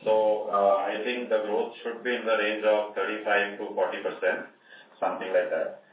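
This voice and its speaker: A man, a company executive answering analysts on an earnings call in a measured way, with many fillers. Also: fairly low pitch, little pitch movement. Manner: measured, many fillers, repeats "see" and "right?". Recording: echoey distant phone line.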